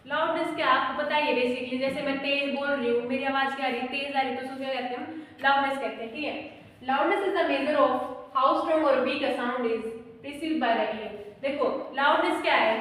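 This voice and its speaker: Lady teacher, high voice, quizzes the class then answers herself, far from the mic in a big echoey room. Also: a bit bright. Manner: repeats questions and answers them herself; dictates definitions slowly for notes. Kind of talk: classroom physics lesson.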